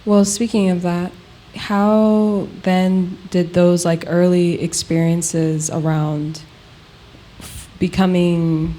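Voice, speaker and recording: A woman's voice: lowish voice, flat delivery, slow, warm tone. A woman interviewing in a thoughtful, conversational style, feeling her way tentatively through her phrasing.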